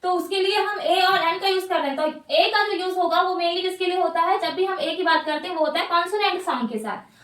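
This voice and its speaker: A woman's voice: very high-pitched, fairly quick, fairly bright tone, distant mic. A woman teacher explaining English grammar in Hindi, who keeps asking questions and answering them herself. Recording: echoey room, voice off-mic.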